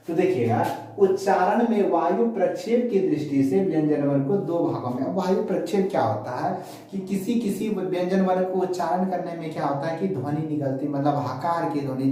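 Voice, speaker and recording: A man teaching Sanskrit grammar online, asking questions and then answering them himself, slowly drilling syllables. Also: high-pitched, warm tone. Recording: very echoey, voice far from mic.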